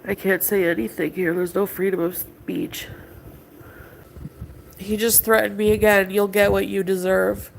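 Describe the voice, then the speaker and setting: A woman's voice: mid-range voice, flat delivery, measured pace, gravelly, slight background noise, low-quality recording. A woman on a livestream ranting in an agitated way, arguing with someone offscreen and talking to her chat. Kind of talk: emotional livestream rant.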